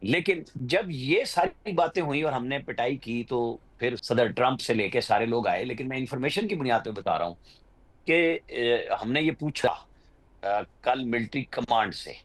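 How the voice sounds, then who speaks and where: A journalist with a Pakistani accent appears as a political analyst guest, giving unscripted commentary in a medium-pitched, expressive voice that runs a little slow. He explains insistently and at winding length.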